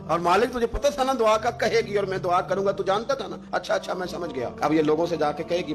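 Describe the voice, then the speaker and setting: Male preacher, high voice, swings soft to loud, music playing underneath. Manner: swings between soft low asides and loud scolding. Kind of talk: emotional sermon storytelling.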